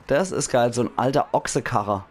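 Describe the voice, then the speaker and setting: A hoarse man with a Palatinate German accent, chatting enthusiastically as he comments on a video game. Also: medium pitch, brisk. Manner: chatty, enthusiastic, laughs often. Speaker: let's play host. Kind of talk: casual gaming commentary.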